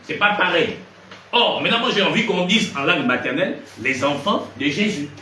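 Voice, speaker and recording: This is a sermon from a Gabonese preacher whose fairly high voice runs a little fast. Lively and inquisitive, he keeps questioning the congregation to draw them in. It was recorded from afar in an echoing room, with plenty of noise.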